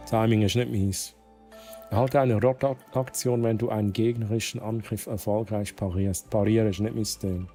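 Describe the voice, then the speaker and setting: With a lowish, mellow voice, this Swiss man speaks with a Swiss German accent while offering casual commentary on his gameplay. He talks easily with his viewers, laughs frequently, and reads the game's text out loud.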